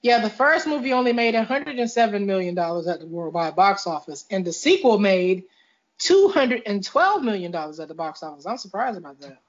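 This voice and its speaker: Over dull, lo-fi video call audio, a man hosting a podcast rambles through a casual review chat, often putting himself down. He speaks a little fast in a high, sing-song voice.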